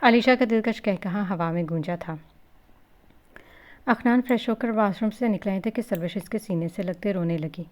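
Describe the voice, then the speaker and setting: A woman reading a romance novel aloud in a steady storytelling manner. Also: mid-range voice, normal speed. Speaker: narrator. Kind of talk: scripted audiobook narration.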